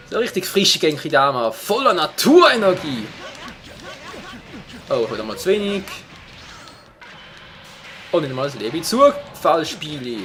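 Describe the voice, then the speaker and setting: Animated Swiss German man commentating a game. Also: a little high. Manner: exclaims and swears at the game. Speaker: gaming let's player. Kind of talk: excitable gameplay commentary.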